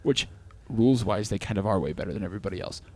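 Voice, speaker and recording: A man's voice: lowish voice, very fast, a little mellow, dry recording. A man co-hosting a casual chat about tabletop game lore, rambling with lots of restarts and filler words. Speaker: co-host.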